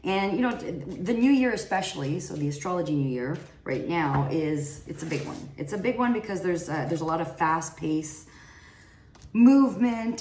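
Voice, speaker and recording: A woman's voice: mid-range voice, darkish tone, roomy sound, slight background noise. A woman giving a casual tarot reading straight to her viewers, rambling with plenty of fillers and restarts. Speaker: tarot reader.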